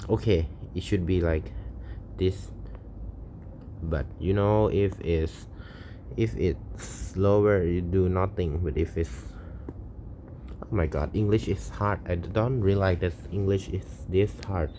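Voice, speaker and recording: Speaking slowly in a deep, dark voice with fairly even intonation, this Thai-born channel host reasons out loud as he tackles a coding task. His English halts and hesitates, and he often corrects himself. Faint background noise is audible.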